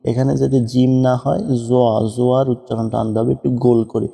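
Man slowly teaching prayer recitation, dark mellow voice, long echo tail. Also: mid-range voice, flat delivery, creaky. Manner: slow, drawn-out demonstrations of pronunciation. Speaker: religious teacher.

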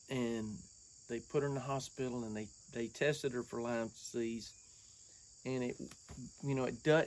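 A man, chatting casually to camera about his sawmill in a folksy, rambling way, outdoors under an open shed. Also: medium pitch. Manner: folksy, rambling, drawling with y'all. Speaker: woodworking vlogger.

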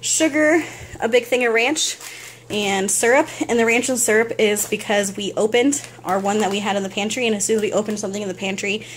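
A young woman vlogger chats casually in her home kitchen, running through a grocery haul one item after another. Her mid-range voice moves a little fast, recorded close on a handheld phone with slight background noise.

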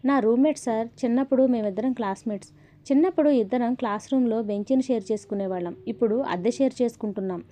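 A woman voicing a brisk, fearless young female student in a storybook reading. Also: a little high, mellow, lightly acted. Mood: cheerful. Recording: dull lo-fi audio.

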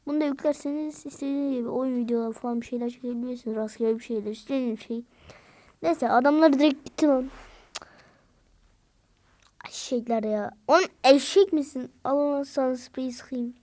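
A woman doing casual gameplay commentary, excitable and slangy, yelling at teammates in bursts. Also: high-pitched, fairly quick. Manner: slangy, rough-talking banter. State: out of breath. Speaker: gaming video creator. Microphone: screen-recorded game commentary mic.

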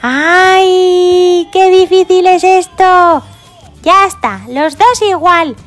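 Little pig girl voiced by a woman, very high voice, doting, sighing. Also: extremely slow, faint music behind, exaggerated voice. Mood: fussing. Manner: fussy, doting, sighing often. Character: cheerful little girl pig mothering baby dolls.

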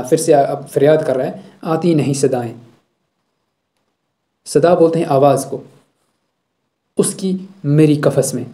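A male teacher from Jammu and Kashmir, with a mellow mid-range voice, explains a poem line by line. He recites each verse slowly, then explains it, habitually adding "thik hai".

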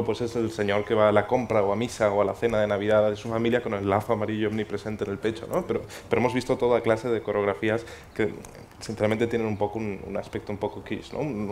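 A man's voice: on the low side, a little mellow, a little hiss or hum. A young man from Barcelona asking long questions as an interviewer on an outdoor garden stage. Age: young adult. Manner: quick, lengthy question-asking. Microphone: handheld mic.

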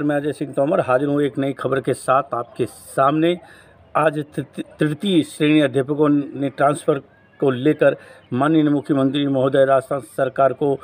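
A man's voice: medium pitch, fairly even intonation, moderate pace. A man, presenting a local news report as its host and reading out a memorandum in a formal tone.

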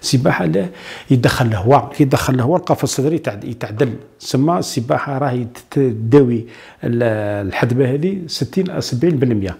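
A doctor with an Algerian Arabic accent explains a medical topic to TV viewers, listing his points step by step and slipping French medical terms into his dialect. His medium-pitched voice is fast, creaky, and darkish in tone.

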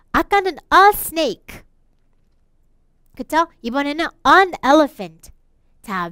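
A woman teaching a children's picture-book English lesson, reading slowly and encouraging the kids to repeat after her. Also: sits high, a bit bright, dry recording, clean studio sound. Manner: slow, encouraging, sing-song reading with laughs.

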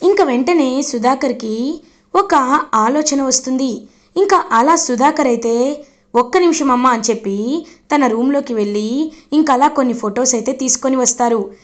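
A woman's voice: high-pitched, moderate pace. A woman narrating a TV serial recap in a casual, rambling storytelling style full of repeated fillers.

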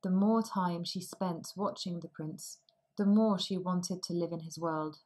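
Slow, clear woman reading a fairy tale. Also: fairly low pitch, steady tone, darkish tone, poor audio. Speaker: storyteller. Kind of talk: storybook narration for language learners.

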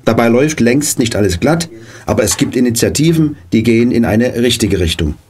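A man's voice: mid-range voice, lively intonation, fairly quick, a little mellow. Man, news narration, scripted voice-over, faint background noise.

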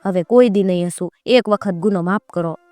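A woman's voice: lowish voice, brisk, dark tone, dry recording, soft background music, natural voice. A woman voicing a frightened young merchant's son in a folk tale, pleading and earnest. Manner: pleading, then whispering to a friend.

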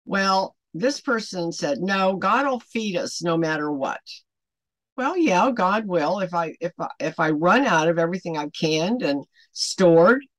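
An older woman of around seventy hosts an online ministry, speaking to camera in an unscripted, rambling devotional talk that is emphatic and full of rhetorical questions. Her voice is on the low side, expressive and a little slow. She's indoors in a small furnished room at home, and the audio is poor but has no echo.

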